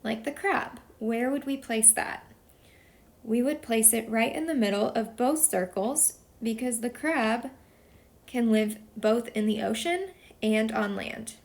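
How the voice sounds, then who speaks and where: This whiteboard video voice-over features a woman teacher from Texas giving slow, patient, step-by-step lesson narration. She sounds fairly high-pitched and unhurried, with vocal fry.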